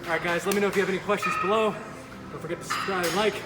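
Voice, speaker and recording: A man speaking through a face mask, giving casual, halting workout instruction in a gym vlog. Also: sits high, steady tone, very noisy. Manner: informal, halting, self-correcting explanations. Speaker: fitness video creator, host. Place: indoor gym. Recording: echoey gym, loud music behind. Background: loud music.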